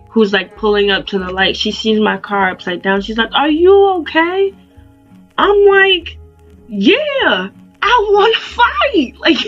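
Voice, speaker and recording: Young woman doing a storytime vlog, swears a lot, super animated, kinda muffled audio w/ quiet music. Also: mid-range voice. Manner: animated, casual, profane storytelling. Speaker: vlogger. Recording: dull lo-fi sound with faint music.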